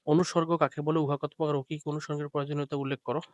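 A man's voice: on the high side, level tone, rapid-fire, dry recording. A man teaching an exam preparation lesson, reading out questions and word lists with filler sounds. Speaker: online madrasah teacher.

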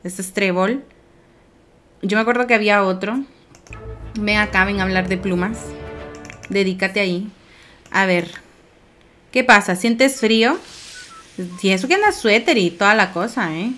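A woman giving casual let's play commentary, talking to herself and her viewers, rambling and breaking into high squeals over cute things. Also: a little slow, pauses often, a bit bright, soft background music. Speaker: game streamer.

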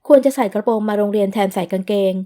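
A woman's voice: medium pitch, rapid-fire, mellow, natural voice. A woman voicing a blunt, outspoken young female university student defending her brother in an audio novel. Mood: defiant.

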